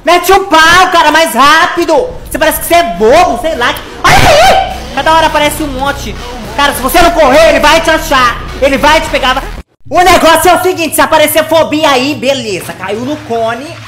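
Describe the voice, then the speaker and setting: High-voiced woman yelling at a screen. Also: brisk, faint music behind. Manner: excitable, yells advice at the screen. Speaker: reaction channel host. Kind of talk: reacting to videos.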